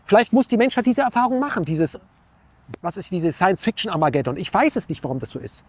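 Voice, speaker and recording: High-voiced man musing earnestly. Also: very animated, fast talker. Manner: earnest, musing, rhetorical questions, many restarts. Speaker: interview guest. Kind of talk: reflective philosophical talk.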